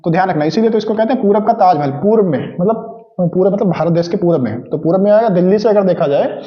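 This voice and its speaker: A man's voice: high voice, fast, reverberant, lo-fi sound. A man teaching an exam-prep lesson in a casual style, asking questions and answering them himself and repeating key facts. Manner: informal, joking asides.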